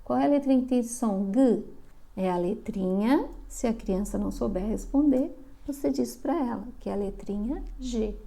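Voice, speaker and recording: A middle-aged woman from Brazil walks parents through a reading lesson, stretching each syllable slowly. Her voice is a little high yet mellow and dark. A gravelly fry runs through her delivery. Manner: slow, drawn-out sounding of syllables. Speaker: literacy teacher. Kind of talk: instructional explanation for parents.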